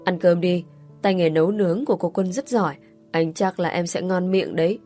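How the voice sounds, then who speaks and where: A woman's voice: lowish voice, moderate pace, mellow, soft background music, natural voice. A woman reading an audiobook story, voicing a considerate young man who speaks patiently and placatingly. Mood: calm.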